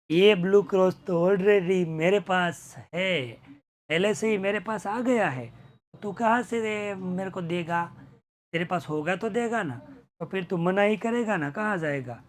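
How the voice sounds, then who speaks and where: A young man teaching a class, explaining a story with dramatic retellings and switching between languages. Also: high voice.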